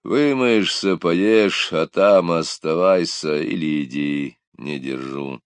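A man's voice: low-pitched, slow, smooth, no echo. A man voicing a weary, taciturn male warrior who grumbles his curt lines. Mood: gruff. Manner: curt, grumbling, few words.

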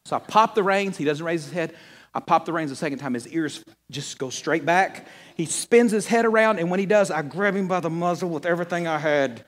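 A man preaching a sermon, mixing a funny personal story with scripture, animated and laughing at his own punchlines. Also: fairly high pitch, fairly quick. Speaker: pastor.

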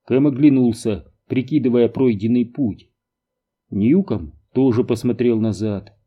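A man narrating an audiobook in an even, measured reading. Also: medium pitch, slightly rough, narrow, tinny audio.

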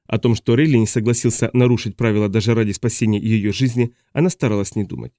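A man narrates an audiobook with steady, even storytelling. His voice is dark and relaxed, and the recording is dry and close with no room echo. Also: fairly low pitch, fast. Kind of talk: scripted narration.

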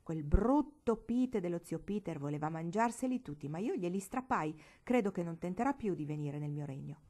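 A woman doing a blunt, low-voiced cook. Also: lively intonation, normal speed, mellow. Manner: blunt, proud.

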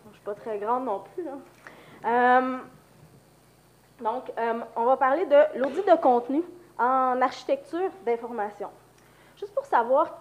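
A woman's voice: on the high side, lo-fi sound. A woman with a Quebec French accent and the flu, giving an informal conference presentation in a hesitant, conversational way. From Quebec, Canada. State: has the flu. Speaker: university lecturer and researcher.

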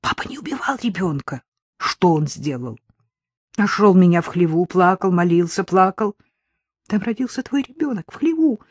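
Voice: mid-range voice, sing-song, moderate pace, husky, dry recording. An audiobook reader voicing a traumatized young woman who talks in a repetitive, singsong way that drops into whispers. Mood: haunted. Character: traumatized young woman reliving childhood abuse, childlike. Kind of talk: audiobook reading.

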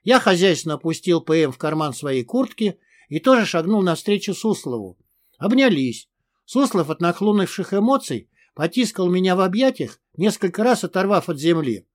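A man reading a first-person audiobook in a tough, gruff manner. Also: high voice, sing-song, normal speed. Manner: tough, gruff with crude curses in dialogue. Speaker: audiobook narrator.

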